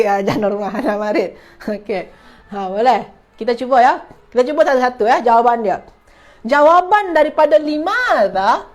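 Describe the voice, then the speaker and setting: A woman with a Malaysian Malay accent teaching an Arabic class online, saying example phrases slowly and repeating them while quizzing her students. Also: high-pitched.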